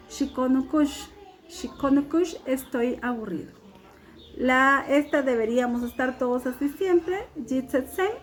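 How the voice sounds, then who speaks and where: A middle-aged woman teaches a recorded class with a fairly high voice. She is warm and encouraging, fills her pauses with hesitations, and repeats new words slowly so students can pick them up.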